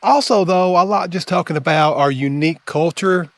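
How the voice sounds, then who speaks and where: A man's voice: high-pitched, moderate pace, no room sound. A man with an eastern Kentucky Appalachian accent, talking casually and conversationally to his viewers as a folksy channel host. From eastern Kentucky, Appalachian Mountains. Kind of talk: casual explainer talking to camera.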